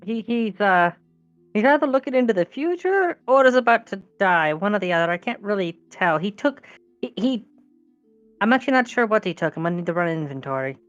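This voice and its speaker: A woman's voice: mid-range voice, expressive, brisk, dry recording, soft background music. A woman bantering casually as a player in a tabletop game, with a dry, teasing manner.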